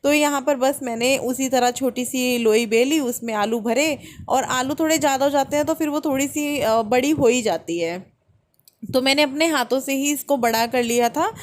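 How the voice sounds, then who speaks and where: A woman in her thirties from India chatting to her viewers as she explains home cooking in a casual vlog. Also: high voice. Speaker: home vlogger.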